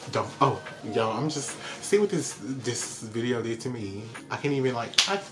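A man with an American accent talking as a sassy, effusive drag queen host, casually reacting to a music video with drawn-out emphasis. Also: mid-range voice.

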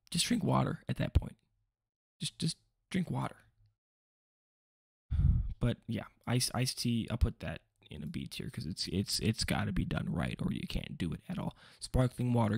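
A man's voice: mid-range voice, vocal fry, slightly rough, no echo, studio quality. A young man rambling through a casual commentary video, joking and interrupting himself often. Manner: rambling, self-interrupting, jokey asides. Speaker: vlogger.

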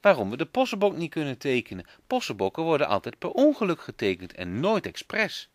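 Man putting on a curious little girl, storybook voice, high and sing-song. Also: wildly swooping pitch, fairly quick, no room sound. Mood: knowing. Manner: bright, wondering.

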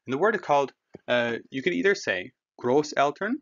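A man's voice: fairly high pitch, expressive, brisk, a bit bright. A man teaching a German lesson, patient and conversational, explaining with everyday comparisons. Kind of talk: classroom language lesson. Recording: dull lo-fi recording.

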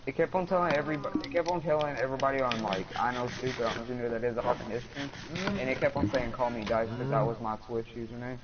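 A man's voice: medium pitch, rapid-fire, over a noisy crowd. A man chatting in voice chat during a game, rambling through a story. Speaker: friend in voice chat. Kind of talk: casual gaming chat. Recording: lo-fi mic with loud noise.

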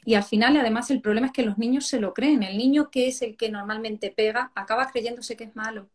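A woman from Spain, a parenting educator on a live stream, who explains through animated stories and acts out the parents and children she quotes. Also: a little high, fairly quick.

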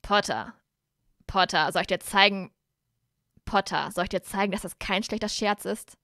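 A woman reading a storybook aloud and voicing a smug, arrogant young male wizard with a slightly lowered, sneering delivery. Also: moderate pace, bright, forceful tone, no room sound, clean studio sound.

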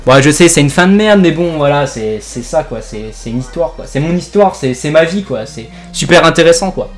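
A young man from France talks quickly in a slightly high voice, rambling through a tall tale in casual slang full of fillers. Faint game music plays under his voice. He sounds like a gamer recording commentary into a desk mic. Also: expressive. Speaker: gaming YouTuber. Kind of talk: joking story over gameplay commentary.

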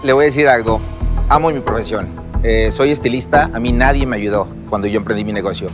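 A man with a Mexican Spanish accent pitching his business in a TV studio, earnest and explanatory. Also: quick pace. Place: large TV studio set. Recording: music bed under voice.

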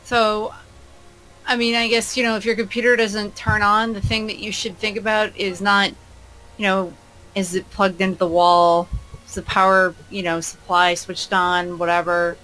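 A woman chatting casually with friends during an online shooter game, wry and quick to swear. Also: mid-range voice, flat delivery, pushed and bright, poor audio. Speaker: gamer teammate. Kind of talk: casual gaming chat.

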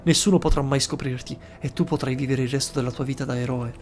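A man reading aloud a manipulative male villain's game dialogue in a hushed, insinuating voice, with faint game music behind. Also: medium pitch, fairly even intonation, fast talker, close to an everyday voice. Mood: scheming. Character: scheming manipulative male villain, smooth-talking.

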